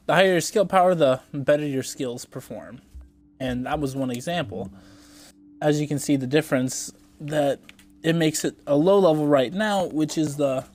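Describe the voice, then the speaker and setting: This gameplay streamer is a young man whose voice sits a little high and a little mellow, blocked up by a cold. As he plays a video game, he rambles along, muses out loud, and lets the odd swear word slip.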